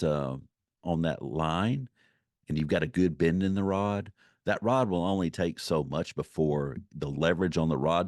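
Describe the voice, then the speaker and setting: Very deep-voiced man, folksy instructor. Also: dry recording, studio quality. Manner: folksy, rambling, circles back to repeat points. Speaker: fly-fishing instructor. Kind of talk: informal unscripted instructional talk.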